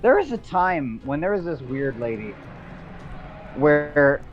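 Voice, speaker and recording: A man chatting casually during a video game session, telling stories in an animated way. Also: fairly high pitch, slow, lo-fi sound, faint music behind. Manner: animated storyteller. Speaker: co-player. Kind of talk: casual gaming chat.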